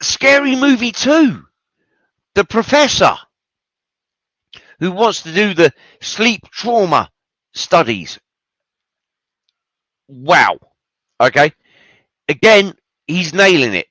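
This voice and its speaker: Male host, casual film talk, swears freely, animated delivery, unhurried pace, dry close sound. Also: high voice, dry recording, low-quality recording. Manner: enthusiastic, swears freely, rambling asides. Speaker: podcast host.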